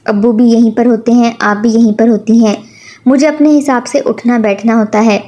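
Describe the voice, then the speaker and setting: A woman's voice: a little high, steady tone, dark tone, lightly acted. A woman voicing a spoiled, demanding schoolboy son who talks in a whiny, resentful way.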